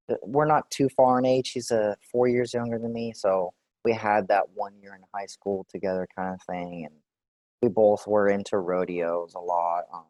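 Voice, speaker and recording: A man in his forties from Texas, answering questions in a clinical interview in a relaxed, hesitant way with many fillers. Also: lowish voice, no echo. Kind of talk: role-play clinical interview.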